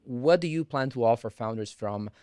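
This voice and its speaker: A man's voice: medium pitch, normal speed, darkish tone, smooth, no room sound. Man hosting a podcast, dry close sound. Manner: conversational, rambling questions with restarts. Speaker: podcast host. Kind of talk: podcast interview.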